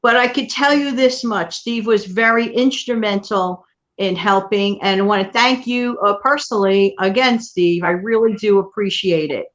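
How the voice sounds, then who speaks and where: A woman from New York City hosting a casual livestream chat, talking warmly and at length to her viewers and co-host. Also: mid-range voice, moderate pace, lo-fi sound. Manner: chatty, warm thanks to viewers and co-host. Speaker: channel host.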